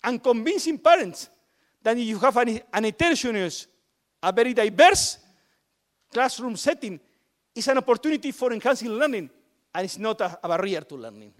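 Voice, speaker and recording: High-voiced man talking emphatically. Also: expressive, moderate pace. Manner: emphatic, repeats words for stress. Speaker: education policy speaker. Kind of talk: panel talk on inclusive curricula.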